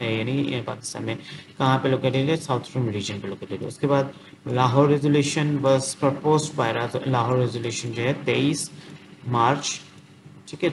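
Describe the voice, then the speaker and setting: A man from Sindh, working through quiz questions as a teacher. He reads each question out slowly in English, then explains it unhurriedly in with lots of fillers. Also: mid-range voice. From Sindh, Pakistan. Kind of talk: explaining quiz answers on a whiteboard. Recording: noticeable background noise.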